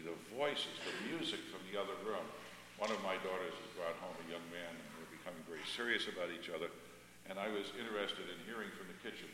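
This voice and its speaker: Older guy, low bright voice, reads poems slow then chats wryly, echoey hall, bit of hiss. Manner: slow deliberate reading of poetry, then conversational and wry. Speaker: writing teacher giving a talk. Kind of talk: reflective talk with a poem reading. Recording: echoey hall, faint noise.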